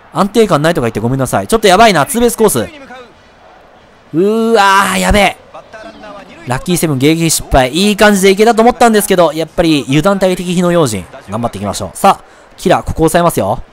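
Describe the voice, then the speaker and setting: Guy doing baseball game commentary, kinda high voice that jumps all over, yells at big plays then mutters low. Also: a little hiss or hum. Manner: excitable, shouts at big plays, mutters asides; polite to viewers, apologizes for loud outbursts. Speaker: let's play commentator. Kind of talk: excited gameplay commentary.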